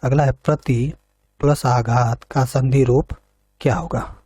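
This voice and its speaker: A man's voice: medium pitch, fairly even intonation, measured pace, dark tone, husky, no room sound. A man teaching an exam preparation lesson, reading each question and its options, then explaining the answer step by step and repeating points back.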